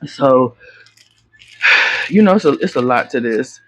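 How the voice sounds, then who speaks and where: A man's voice: medium pitch, lively intonation, slow, fairly bright tone, dry recording. A man giving a casual spoken tarot reading, rambling and profane, full of fillers and restarts, on a slightly muffled lo-fi recording. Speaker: tarot reader.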